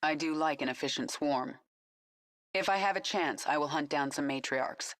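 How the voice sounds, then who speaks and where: A woman's voice: sits low, normal speed, a bit bright, slight background noise. A woman voicing an imperious, impatient alien swarm queen in a video game, curt and commanding. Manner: curt, authoritative. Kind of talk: video game character dialogue. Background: music.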